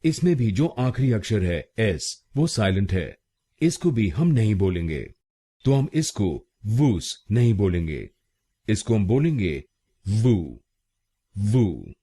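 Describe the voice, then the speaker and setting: A man's voice: lowish voice, big pitch swings, measured pace, mellow, breathy edge. A man teaching pronunciation in a scripted lesson, spelling out letters and repeating each syllable.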